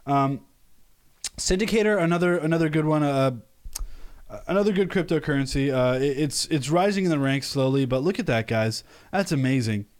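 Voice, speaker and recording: A man's voice: fairly high pitch, normal speed, darkish tone. A young American man from the United States hosting a casual live stream, talking upbeat and rambling with many fillers and restarts. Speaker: crypto channel host.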